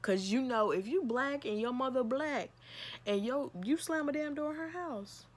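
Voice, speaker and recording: A young woman with a high voice tells a personal story at a normal pace in a storytime vlog, candid and emphatic, using slang and swearing.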